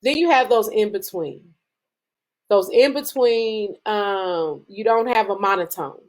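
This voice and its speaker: A woman with a mid-pitched voice teaches a group in a relaxed, conversational way. She rambles a little, with frequent "um"s and restarted phrases. Her pace picks up and slows as she gets excited. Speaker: business branding presenter. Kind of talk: casual teaching talk to a group.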